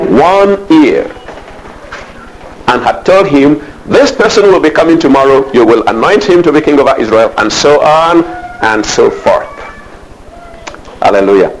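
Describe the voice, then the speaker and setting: A man's voice: a little high, slight background noise, poor audio. A man preaching a sermon as pastor. He calls out to the congregation, asks them questions and often adds hallelujahs. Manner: call-and-response preaching, frequent hallelujahs.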